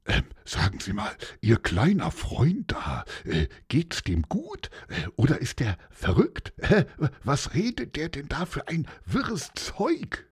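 A man's voice: a little high, huge pitch swings, measured pace, few pauses, slightly rough, pitched above the performer's own voice, full character voice. A man voicing a stern, old-fashioned village policeman in a storybook reading, hesitant and bureaucratic. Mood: puzzled.

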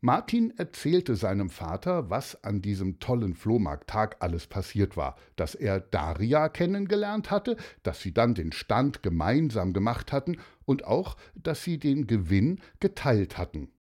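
A man reading a children's story aloud, lingering over each sentence at a slow pace. His pitch moves in lively, animated curves, giving the telling an expressive lift. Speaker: narrator.

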